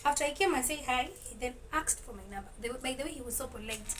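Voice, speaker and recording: A woman's voice: high voice, fast. A young woman chatting in a casual storytelling vlog, mixing Swahili words into her English and laughing often. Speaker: vlogger. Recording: distant mic with clear kitchen noise. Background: dishes and cutlery clinking.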